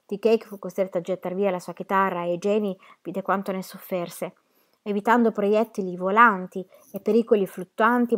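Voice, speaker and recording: A woman reading a novel aloud in steady, dramatic audiobook narration. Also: medium pitch. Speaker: reader.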